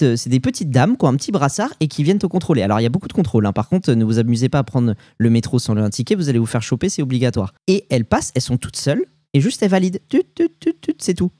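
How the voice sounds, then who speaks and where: A young French man co-hosts a podcast, trading travel stories in loose, slangy chat packed with fillers and animated storytelling. His mid-pitched voice is mellow and relaxed, and the recording is dry and close with no room sound.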